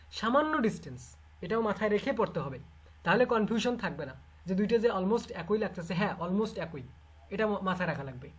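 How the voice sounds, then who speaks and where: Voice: mid-range voice, slightly rough. A teacher with a Bangladeshi Bengali accent giving an online class, repeating sounds over and over and quizzing students. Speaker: English literature teacher.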